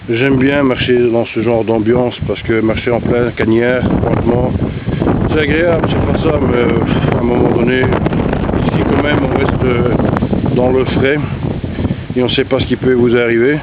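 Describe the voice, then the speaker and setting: A man's voice: medium pitch, normal speed. A man from Brussels, commenting casually on a walk, slightly out of breath, rambling with fillers, filmed on a handheld camera outdoors. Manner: relaxed, rambling, many fillers. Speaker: vlogger. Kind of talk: walking vlog commentary. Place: outdoors on woodland and field paths. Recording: dull camera audio, wind noise.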